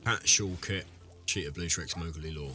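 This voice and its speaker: A man talks casually over a game while ill, his very deep voice still cutting through with a bright, forceful edge. He rambles and corrects himself mid-sentence, often turning to address viewers. Faint music plays behind him. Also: normal speed. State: ill, deeper voice than usual. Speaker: let's play host. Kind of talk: casual gameplay commentary.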